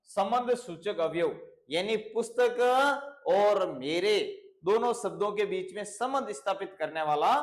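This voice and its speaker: A man's voice: high voice, rough recording. A man with a Rajasthani Hindi accent explaining exam questions as a teacher, repeating key words and checking in with his listeners. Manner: repetitive, checks in with "theek hai na".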